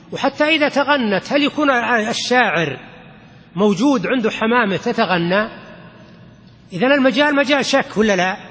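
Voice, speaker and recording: A man's voice: very high voice, a bit bright, breathy edge. An older man teaching a lesson on classical rhetoric, patiently explaining and quizzing his students with check questions. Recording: long reverb of a lecture hall.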